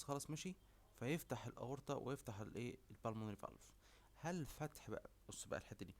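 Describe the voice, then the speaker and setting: A young man with an Egyptian Arabic accent teaches in a rapid, casual lecture style. He keeps quizzing his listeners and checking that they follow. A faint hiss of background noise sits under his voice. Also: mid-range voice. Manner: quizzing, constantly asks "okay?". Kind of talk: casual lecture mixing English medical terms.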